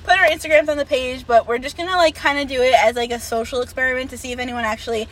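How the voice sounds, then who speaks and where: A woman's voice: sits high, fairly even intonation, racing, a bit bright, recorded from a distance, slight background noise. Young woman telling stories. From Long Island, New York. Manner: storytelling, heavy use of "like". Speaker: podcast co-host. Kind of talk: casual chat.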